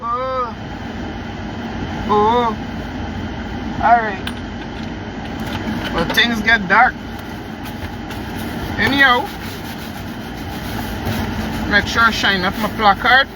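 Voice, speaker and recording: A man's voice: extremely high pitch, drawn-out words, long pauses. A man with a Guyanese accent, vlogging outdoors beside a street with heated, sarcastic rhetorical questions. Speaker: protester vlogger. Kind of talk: angry street vlog rant. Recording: loud traffic noise outdoors. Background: passing vehicles.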